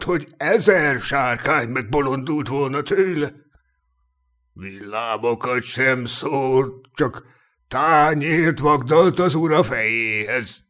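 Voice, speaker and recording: A man voicing a cynical, sharp-tongued knight of peasant birth in a humorous fantasy audiobook, chuckling and mocking as he tells his tales. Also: medium pitch, natural voice. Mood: dry. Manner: mocking, chuckling, earthy storyteller. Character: cynical boastful human knight, commoner-born, sharp-tongued. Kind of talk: audiobook character reading.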